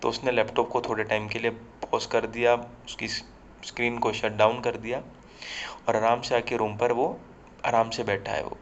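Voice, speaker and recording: A man's voice: mid-range voice, little pitch movement, moderate pace, a little hiss or hum. A man casually telling a horror story, talking directly to listeners, on a slightly muffled recording. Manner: conversational, addresses listeners directly.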